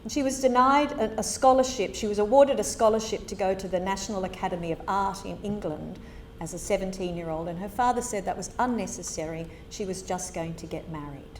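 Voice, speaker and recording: A woman's voice: mid-range voice, brisk, darkish tone. Woman from Zimbabwe, middle-aged, guest lecturer, candid conversational delivery, roomy hall with a faint hum. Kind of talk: public lecture.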